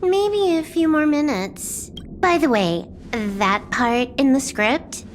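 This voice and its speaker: A woman's voice: high-pitched, slow pace, slight background noise. A woman voicing a casual, curious young accomplice in a video game. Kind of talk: scripted game character acting.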